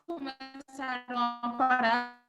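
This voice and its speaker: A woman's voice: a little high, level tone, takes it slowly, muffled recording, over music. A woman in an online Bible study whose voice comes through a breaking-up video call, robotic and glitching, with choppy, dragged-out words. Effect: robotic, glitching voice over a breaking-up call.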